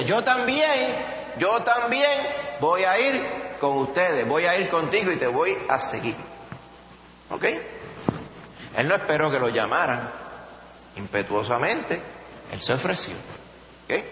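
A man with a Puerto Rican Spanish accent preaching a sermon, animated, acting out quotes with a rising voice. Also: medium pitch. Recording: echoey hall, dull sound, faint noise.

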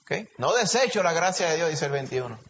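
Puerto Rican preacher in a reverberant hall. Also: male voice, on the high side, a little fast. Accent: Puerto Rican Spanish. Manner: animated, acts out voices and rhetorical questions. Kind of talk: sermon. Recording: lo-fi recording with long hall reverb.

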